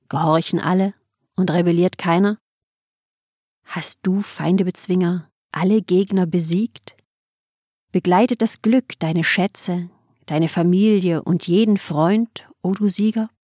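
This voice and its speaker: A woman's voice: fairly low pitch, takes it slowly, warm tone, slightly rough, no room sound, clean studio sound. Vishwamitra, woman reading a courteous royal sage. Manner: formal, ceremonious address. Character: male royal sage, a king, courteous and formal. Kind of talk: audiobook reading.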